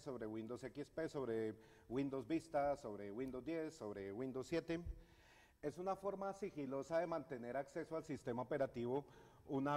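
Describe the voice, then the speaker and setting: In a university lecture hall before an audience, a middle-aged Colombian conference speaker with a mid-range, slightly mellow voice gives a hesitant technical talk full of fillers and restarts. The hall's reverb is audible in the recording.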